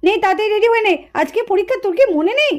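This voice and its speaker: A woman's voice: very high-pitched, animated, rapid-fire. Woman doing a furious puppet mother. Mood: scolding. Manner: scolding, shouting threats. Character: strict, angry village mother with a stick. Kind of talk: puppet-show cartoon voice.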